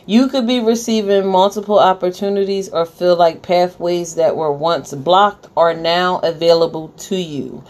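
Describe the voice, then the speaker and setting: A woman's voice: fairly low pitch, fairly even intonation, moderate pace, hardly any pauses, a little mellow. A woman giving a casual spiritual reading like a life coach, encouraging and directive, with sassy informal phrasing and repetition for emphasis. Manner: informal, sassy slang with check-in tags. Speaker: spiritual card reader giving guidance to viewers. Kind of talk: casual intuitive reading, life-coach style motivational advice.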